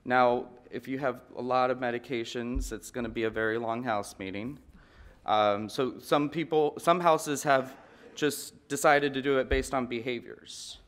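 A man's voice: mid-range voice, fairly even intonation, unhurried, fairly bright tone. A man in his thirties talks from a podium in a big conference hall, his voice sitting in an ordinary middle register. He speaks earnestly and conversationally to the room, doubling back on words as he finds his way through a sentence. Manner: earnest, conversational, repeats words and restarts often. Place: large conference hall stage. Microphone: podium microphone.

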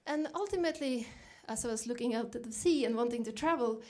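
A middle-aged keynote speaker from Norway talks fast at a dinner, her voice on the high side with a darkish tone. Her talk is reflective and story-based, and she lifts her voice when quoting what she once said.

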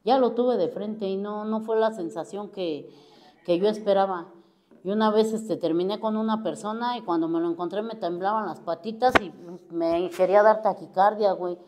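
A woman's voice: mid-range voice, moderate pace, mellow. A middle-aged woman with a Mexico City accent shares her personal recovery testimony at an AA group. She speaks bluntly in crude street slang and swears constantly as she talks to the room. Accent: Mexico City Spanish. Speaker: AA member giving testimony.

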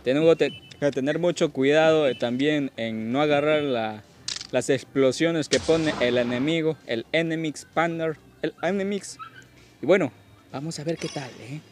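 A tipsy man with a slightly high voice and moderate pace hosts a gaming video, giving casual commentary. He rambles, repeats himself and makes crude jokes.

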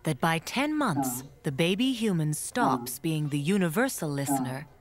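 A woman reading scripted documentary narration in a measured, explanatory way. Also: low voice, sing-song.

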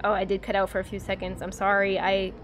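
A woman's voice: medium pitch, monotone, fast talker, a little hiss or hum. A young woman from the East Coast of the United States with an American accent, chatting and giggling casually with her viewers during a game livestream. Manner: chatty and giggly, many fillers. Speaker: streamer. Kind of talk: casual livestream chat while gaming.

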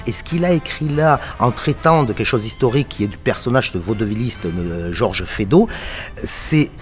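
Guy in his 40s chatting about his work, keen and emphatic, mid voice, faint music behind. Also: mid-range voice. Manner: enthusiastic, emphatic. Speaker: theatre company artistic director. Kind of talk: interview talk. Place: seated in an empty theatre auditorium.

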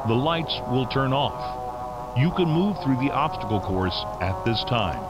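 An actor playing an upbeat, official announcer giving video game instructions in a formal, showy presenter style. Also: male voice, mid-range voice, animated, unhurried, close to an everyday voice, rough recording. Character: upbeat official male test-course announcer. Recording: prominent game music underneath.

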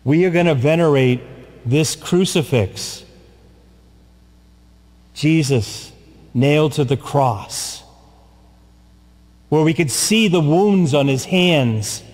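An older priest preaches a sermon very slowly and solemnly, with long pauses and repetition, his words echoing through a large church. His voice runs high, animated, and slightly mellow. A pulpit mic and a distant camera capture the long reverb.

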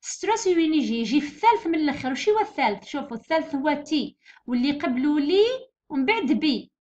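Algerian woman teaching, high dull-sounding voice. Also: animated, darkish tone. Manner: explains patiently, repeats words slowly and clearly. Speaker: English teacher. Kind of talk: exam revision lesson. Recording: dull lo-fi recording.

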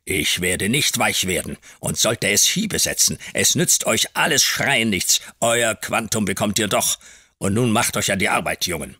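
A man's voice: fairly low pitch, expressive, unhurried, breathy edge, dry recording, clean studio sound, voice pushed up, full character voice. A bellowing stocky janitor, as a man puts him on. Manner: shouting, barking orders.

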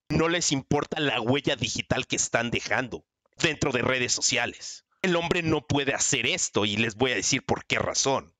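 A man's voice: medium pitch, pushed and bright, no room sound. A man hosting a commentary channel, lecturing his viewers in an assertive way.

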